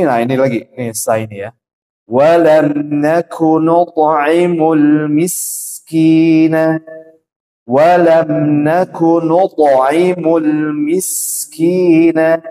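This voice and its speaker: A man teaching a Quran recitation class in a mosque, repeating letter sounds slowly to show how they are said. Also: on the high side, darkish tone. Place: mosque study session.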